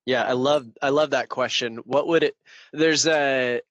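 A man's voice: medium pitch, steady tone, a little slow, fairly bright tone, no echo, highs cut off. Casual male podcaster, very dry closet sound. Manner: rambling, conversational, informal. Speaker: podcast host. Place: small clothes-filled closet as home studio.

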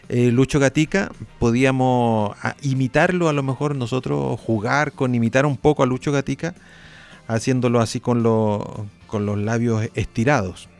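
A man hosting a radio interview, conversational and quick with affirming interjections. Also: mid-range voice, creaky, clear, resonant tone. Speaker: radio host.

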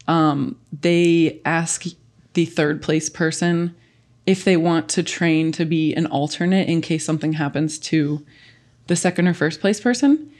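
A woman in her late twenties chats casually as a podcast guest. Her voice sits a little low, and she peppers her stories with fillers and easy laughter. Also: darkish tone. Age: late 20s. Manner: chatty, filler-heavy, laughs often. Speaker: guest swimmer.

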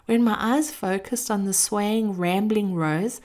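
A woman host speaking in an expressive, unhurried way, telling personal reflections and encouragement directly to her listeners. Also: medium pitch. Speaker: host of a daily encouragement podcast.

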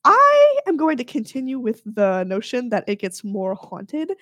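A woman's voice: on the high side, unhurried, no room sound. A young woman co-hosting a podcast, telling a ghost story in casual chat with lots of fillers and emphatic asides. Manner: animated storyteller, heavy filler words, emphatic.

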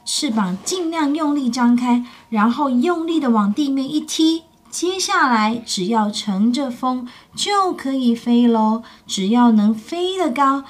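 A woman reading a picture book aloud to children in an expressive way, stopping to ask her listeners questions. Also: high-pitched, a little slow, few pauses. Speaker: storyteller.

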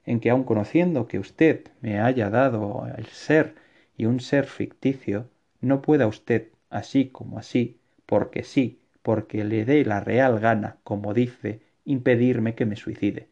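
A man's voice: mid-range voice, unhurried, darkish tone. A man voicing a stubborn young novel character. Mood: insistent. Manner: earnest, insistent reasoning. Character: anxious young man defying his author, stubborn. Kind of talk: audiobook reading. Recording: dull lo-fi recording.

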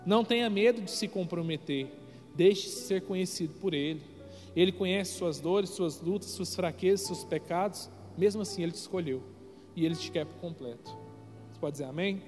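High-voiced preaching man in a church. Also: moderate pace, darkish tone. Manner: emphatic, addresses the congregation directly. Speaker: pastor. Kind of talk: preaching at a youth service. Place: church sanctuary. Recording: reverberant church hall with music behind.

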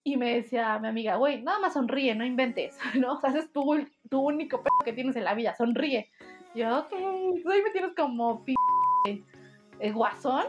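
A woman's voice: high-pitched, moderate pace, dull audio, faint music behind. A young woman in her twenties with a Mexico City accent, telling a story in casual, slangy chat and acting out the quotes.

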